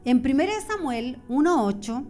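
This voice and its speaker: A woman's voice: sits high, sing-song, normal speed, warm tone, soft background music. A woman preaching a sermon, passionate and repetitive, acting out the voices she describes. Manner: impassioned, repetitive preaching with acted-out inner voices.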